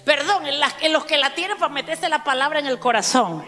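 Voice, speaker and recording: A woman preaching a sermon to a congregation, emphatic, calling out to the listeners and spelling out words slowly. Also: high voice, bright, forceful tone. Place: church hall. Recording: church hall reverb with faint music.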